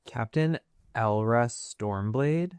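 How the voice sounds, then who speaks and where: A woman playing a tabletop game, teasing the others casually. Her voice is smooth and resonant. The recording is dry. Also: extremely low pitch, takes it slowly, a little mellow, dry recording. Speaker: player.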